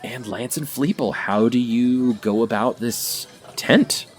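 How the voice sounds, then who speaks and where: A man's voice: medium pitch, takes it slowly, soft background music. A man improvising narration as game master of a tabletop role-playing game.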